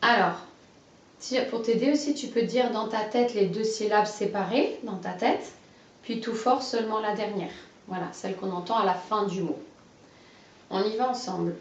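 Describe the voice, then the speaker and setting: A woman guiding a child through a phonology lesson, giving clearly pronounced words one at a time and encouraging replies. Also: mid-range voice, distant mic, slight background noise. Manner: slow, carefully articulated, encouraging. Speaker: teacher of a phonology exercise. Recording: dull, roomy, off-mic sound.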